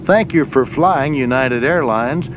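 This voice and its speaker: A man playing an airline captain who reads cabin announcements over the aircraft intercom in a measured, deliberate way. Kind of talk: scripted in-flight announcements for a language lesson. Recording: muffled lo-fi audio with engine rumble.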